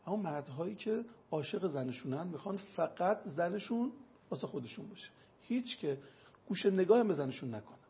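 A man with a very husky, gravelly voice gives a religious talk. He tells anecdotes and acts out the people in them. The recording sounds dull and lo-fi. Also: high-pitched. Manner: acts out quoted people with lively voice changes. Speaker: religious speaker.

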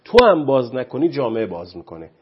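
A man's voice: mid-range voice, very animated, muffled recording, background noise. A man speaking as a guest on parenting, preachy and impassioned, often quoting scripture. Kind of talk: animated studio talk.

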